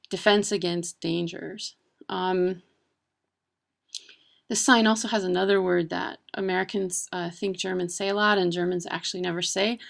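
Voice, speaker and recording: Casual woman vlogger, low gravelly voice, chatty with fillers. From Wisconsin. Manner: chatty, many ums and uhs. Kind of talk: casual educational talk.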